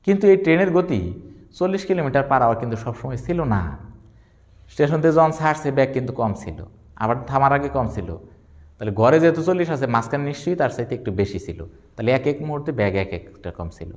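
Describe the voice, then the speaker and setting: A male physics teacher, his pitch rising and falling a lot as he lectures. He poses questions and then answers them, slowing down to repeat key terms. His voice carries a long reverb, as if recorded in an echoey room. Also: expressive. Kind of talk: classroom lecture.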